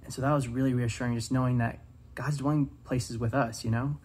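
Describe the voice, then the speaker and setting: A man's voice: mid-range voice, steady tone, fast, darkish tone, breathy edge. A young man in his twenties giving an earnest devotional talk, casual and full of fillers. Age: 20s. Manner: earnest, many "um"s, reads scripture aloud. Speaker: student devotional speaker.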